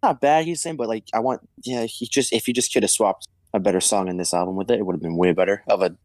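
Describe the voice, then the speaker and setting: Brief: male podcast co-host, lowish pitch, casual slang, dry close sound. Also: fast talker, darkish tone, no room sound. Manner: casual, slangy, restarts a lot. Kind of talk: casual chat.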